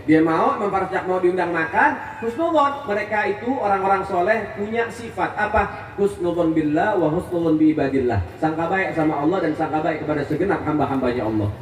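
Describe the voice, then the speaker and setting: Animated high-voiced preacher in an echoey hall. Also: male voice, distant mic, slight background noise. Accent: Betawi. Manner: animated, swinging pitch, acting out quoted speech. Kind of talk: storytelling sermon.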